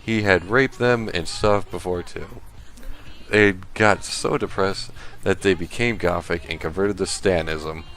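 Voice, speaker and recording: A man doing a comedic read-aloud of a badly written story, deadpan and halting as he stumbles over the text. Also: low voice, soft background music. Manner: slow, halting, deadpan reading broken by laughter. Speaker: stream host reading a fan fiction aloud. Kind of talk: comedic dramatic reading.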